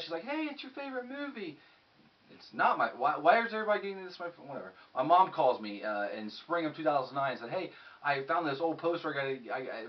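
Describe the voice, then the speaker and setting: A young man giving a casual, rambling tour of his game room, cracking jokes with mock-serious asides while someone films him. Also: medium pitch. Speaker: YouTube vlogger. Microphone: camera held by someone filming. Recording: muffled audio from a distant camera.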